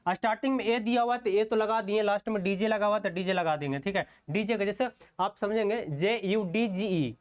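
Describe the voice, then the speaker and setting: Writing strokes as he goes, a man with a high-pitched, clean-toned voice explains shorthand slowly in an online class. He frequently asks rhetorical questions and checks in with "okay."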